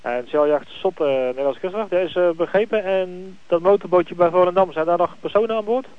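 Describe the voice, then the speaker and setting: A man's voice: sits high, fairly quick. A man working as a coast guard radio operator, using formal call-and-confirm radio procedure with frequent hesitations, heard through a crackly radio transmission. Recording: tinny radio with static hiss.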